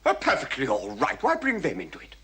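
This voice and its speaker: An actor playing an indignant, pompous gentleman in a comedy scene, plummy and exaggerated. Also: mid-range voice, wildly swooping pitch, a little fast, husky, exaggerated voice.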